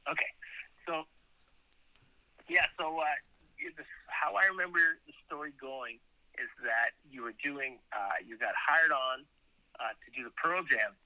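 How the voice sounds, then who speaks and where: A man calling in to a casual chat show, heard through a phone on speakerphone, chatty and quick to laugh. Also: mid-range voice, sharp tone, dry recording, poor audio. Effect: heard over a phone on speakerphone. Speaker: caller.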